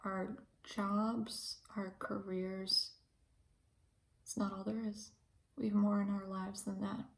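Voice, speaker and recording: A Ukrainian pharmacist and video host in her thirties delivers a reflective, casual monologue, speaking slowly and hesitantly with many pauses and fillers as she thinks things through. Her mid-range voice carries a heavy, gravelly fry and shows little pitch movement.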